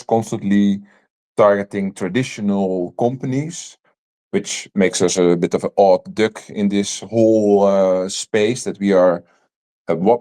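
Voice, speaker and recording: A man with a Dutch accent, whose first language is Dutch, hosting a live online panel and pausing often with filler ums. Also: on the low side, dark tone. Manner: hesitant, many filler ums. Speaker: host.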